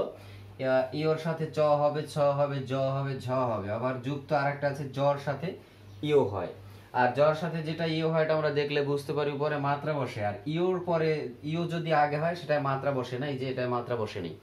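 A man teaching a grammar lesson at a board, repeating each word slowly to drill how it is pronounced. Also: fairly high pitch, a little mellow. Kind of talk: classroom grammar lesson at a whiteboard. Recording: echoey room with faint ambient noise.

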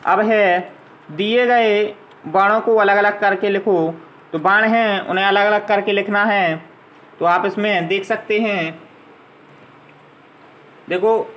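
A man with a high, bright voice teaches young children grammar. He works through each letter and vowel sign slowly and patiently. His pace is unhurried, like he is spelling everything out for beginners. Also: poor audio. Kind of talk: Hindi grammar lesson for young pupils.

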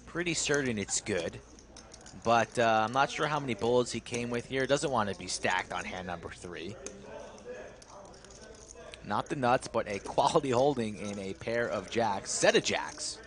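A man's voice: mid-range voice, lively intonation, normal speed, a bit bright. A man working as a poker commentator on a live stream, narrating play with dramatic flourishes.

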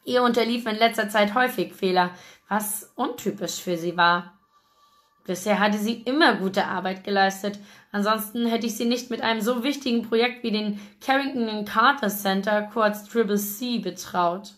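A woman reading a novel aloud in a lively, expressive audiobook narration. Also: a little high, normal speed. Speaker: audiobook reader.

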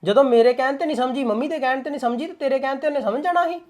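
A man playing a fast-talking young Punjabi farmer. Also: high-pitched, lightly acted. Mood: insistent. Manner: fast, assertive, dismissive when irritated. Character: young Punjabi farmer, stubborn, short-tempered husband. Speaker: young farmer son and husband. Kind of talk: Punjabi web drama acting.

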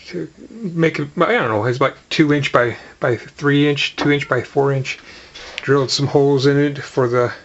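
A man's voice: medium pitch, a bit bright, echoey room. Man talking through a home radio project. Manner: halting, many fillers and restarts. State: out of breath. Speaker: amateur radio hobbyist. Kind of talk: casual filmed project walkthrough. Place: house, moving between rooms. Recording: dull lo-fi with clear noise.

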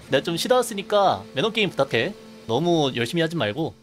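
A man's voice: on the high side, big pitch swings, normal speed, soft background music. A young man casually commenting while streaming a game, chatty and laughing, reading chat aloud.

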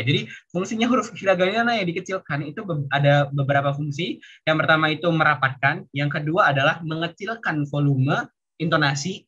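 A man's voice: a little high, sharp tone, breathy edge. A man mentoring an online Japanese class, explaining patiently in a casual way and ending his sentences with a questioning tag. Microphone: video call. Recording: dull lo-fi video call audio.

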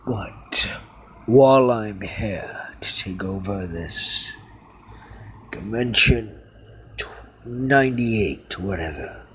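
A man voicing a sinister, mocking demonic villain who speaks slowly and low, slipping into whispers and rambling asides. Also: slight background noise. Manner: slow low menacing delivery dropping to whispers. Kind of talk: fan character Q&A announcement.

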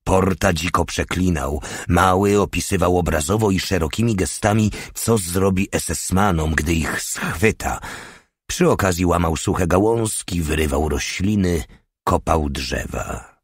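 A man reading a war novel aloud in measured, steady narration. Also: low voice, slightly rough, no room sound, studio quality. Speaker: audiobook reader. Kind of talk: scripted narration.

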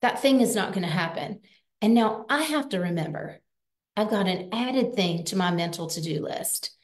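A woman of medium pitch gives a live-streamed coaching talk in an earnest, empathetic way. She keeps it conversational and leans on rhetorical questions. The room around her adds a noticeable echo. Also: expressive, normal speed. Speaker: parenting coach. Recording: roomy echo.

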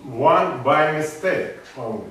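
A man's voice: a little high, animated, slow, a bit bright, a little hiss or hum. A man hosting a lecture who adds brief prompts and answers. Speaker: event host. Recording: echoey hall from far off.

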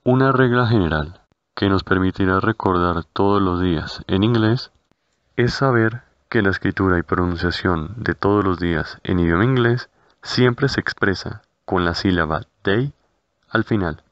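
A man narrating a scripted language lesson, speaking slowly and carefully and repeating each word. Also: low-pitched, no room sound. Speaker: language teacher. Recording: dull, lo-fi.

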